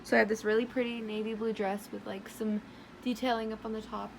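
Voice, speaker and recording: A young American woman chatting casually in a vlog with bubbly sorority-girl energy, her voice hoarse as if she is losing it. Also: fairly high pitch, flat delivery, a little fast, slight background noise, low-quality recording. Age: young adult. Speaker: vlogger.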